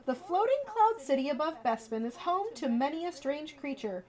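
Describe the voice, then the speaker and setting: Her voice sits high and has a slightly mellow quality, animated but delivered at an ordinary speed. As a livestream host, this woman chats informally with her audience, speaking straight to them, and also reads children's bedtime stories out loud.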